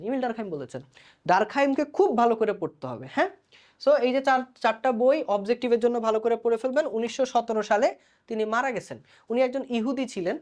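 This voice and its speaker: A man with a Bangladeshi Bengali accent giving a recorded exam-prep sociology lecture, talking colloquially and answering his own quiz questions. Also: high voice. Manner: colloquial, poses questions then answers them himself. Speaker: sociology tutor.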